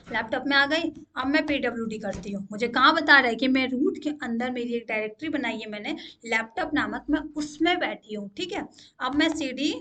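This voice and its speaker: High-voiced woman teaching a tech tutorial. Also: bright, forceful tone, slight background noise. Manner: repeats "ठीक है" to check in, asks questions aloud. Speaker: instructor. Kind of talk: screen-share coding tutorial.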